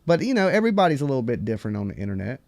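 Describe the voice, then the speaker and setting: A man's voice: mid-range voice, sing-song, rapid-fire, creaky, darkish tone, no echo. A man with a Southern US hillbilly accent, chatting casually and rambling as the host of a live call-in stream.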